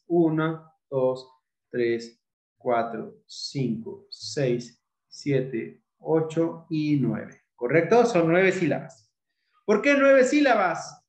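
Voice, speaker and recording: A man's voice: fairly high pitch, roomy sound. A man with a Mexican accent teaching an online exam-prep lesson, explaining step by step and repeating key points. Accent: Mexican Spanish.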